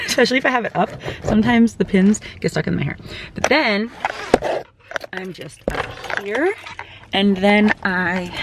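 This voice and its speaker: Sitting in her parked car, a young adult woman chats to her dashboard camera in a casual vlog, rambling while she walks through each step. Her voice is medium-pitched, with a noisy background.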